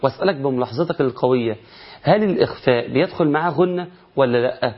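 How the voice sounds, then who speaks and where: A man with an Egyptian Arabic accent teaching Quran recitation rules in a lively, question-and-answer style, drawing out words to demonstrate them. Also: mid-range voice, fast talker, muffled recording. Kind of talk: colloquial recitation lesson.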